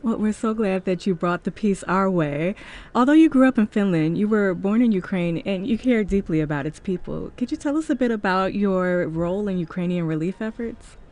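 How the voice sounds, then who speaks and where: A woman's voice: mid-range voice, expressive, normal speed, a little mellow. A woman interviewing a guest during an intermission broadcast, asking questions in an upbeat, friendly way.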